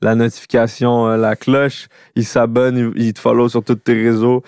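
A man in his forties with a Québécois accent, chatting casually and pausing often to search for words. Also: medium pitch, little pitch movement, a little mellow, clear, resonant tone, dry recording, clean studio sound. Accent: Québécois French. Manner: hesitant, searching for words with many fillers. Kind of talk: casual chat.

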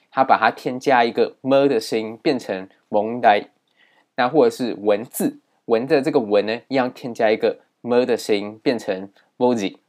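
A man teaching a language lesson in a steady explaining manner, with many fillers. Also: medium pitch.

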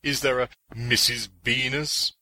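A man's voice: mid-range voice, fairly even intonation, measured pace, bright, forceful tone, a little hiss or hum, pitched above the performer's own voice. A man voicing a blunt, curt male archer who travels alone. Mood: gruff.

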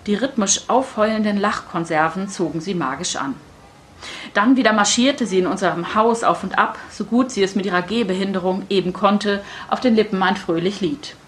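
A middle-aged woman author reading her own prose to a live audience. Her delivery is wry and deadpan, with a self-mocking edge in an even, middle voice. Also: medium pitch, moderate pace, slight background noise.

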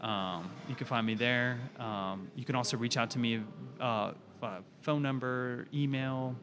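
A man's voice: mid-range voice, measured pace, background noise. Laid-back young man, rambling recruiter. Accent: Texan. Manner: relaxed, rambling, many fillers. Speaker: volunteer recruiter for a nonprofit. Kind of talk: casual conversational interview.

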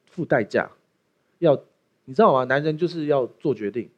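Lively, joking male pastor preaching. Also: mid-range voice, normal speed, dull audio. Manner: playful, jokey preaching with acted asides. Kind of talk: sermon with prayer.

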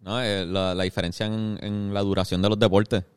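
A man chimes in on a casual chat in a laid-back, agreeable way. His voice is low and smooth, recorded dry and close to the mic. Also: level tone, normal speed, no echo.

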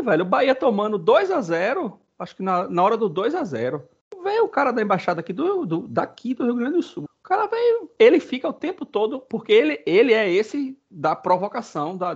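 Animated slangy man, husky dull audio. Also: sits high. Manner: slangy, swears freely, animated storytelling. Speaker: podcast co-host, football fan. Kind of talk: casual chat.

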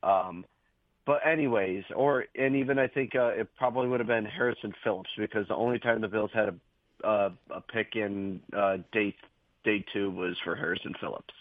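A man's voice: lowish voice, steady tone, moderate pace, no echo. A man calling in to a radio sports show, laying out details and hedging with phrases like "I believe.". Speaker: caller. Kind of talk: casual sports talk. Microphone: phone. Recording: phone line.

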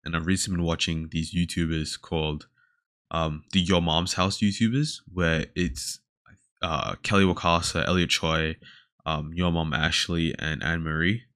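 A man's voice: sits low, steady tone, moderate pace, a bit bright, dry recording, clean studio sound. A young Australian man hosting a casual solo podcast, rambling with lots of fillers and trailing off mid-thought. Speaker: podcast host. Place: indoors talking alone to a camera.

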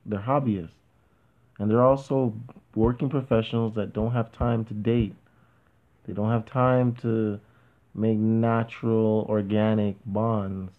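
A man with a low voice talks his way through an argument, rambling and circling back with "you know what I mean" and "right?". The sound is narrow and tinny, like a phone line. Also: fairly even intonation, unhurried. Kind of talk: casual conversation.

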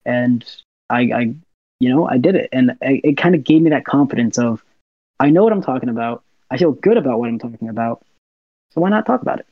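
A young man, a university student, chatting as an interview guest, soft-spoken and quick to laugh as he acts out little scenes. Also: mid-range voice, lively intonation, no room sound, narrow, tinny audio. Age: young adult. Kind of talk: casual interview chat.

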